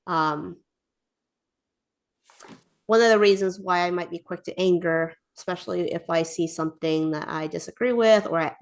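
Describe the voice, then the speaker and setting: A woman speaking casually and thoughtfully, with many "like"s and "um"s, raising a question in a group discussion. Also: low-pitched. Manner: chatty, filler-heavy with frequent "like".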